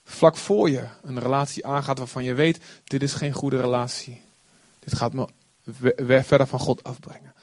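A man preaching a sermon, animated, acting out quotes with sudden loud outbursts. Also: medium pitch, moderate pace, no room sound. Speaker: pastor.

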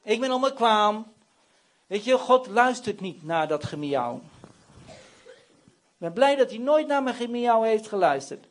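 Brief: male preacher, notably high voice, emphatic and earnest, chatty sermon delivery. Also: sing-song, unhurried, pauses often. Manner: earnest, emphatic, conversational preaching with tag questions.

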